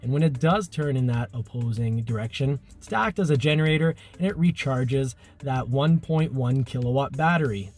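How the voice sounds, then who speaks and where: A man with a congested nose talks through a relaxed car review inside the vehicle, partly while driving, with soft music in the background. His medium-pitched, darkish voice moves at normal speed with few pauses, explaining as he goes and restarting with "you know."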